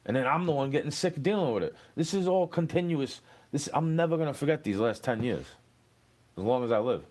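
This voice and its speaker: A man's voice: medium pitch, lively intonation, brisk, darkish tone. A young man, rambling and cursing as he answers questions in a street interview. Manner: rambling, profane, aggrieved.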